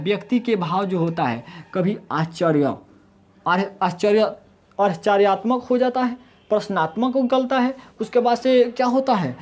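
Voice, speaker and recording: A man giving a grammar lesson, often asking rhetorical questions and answering them himself, and sounding out letters slowly to demonstrate. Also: high-pitched, a little mellow. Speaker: Hindi grammar teacher. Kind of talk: explanatory online lesson.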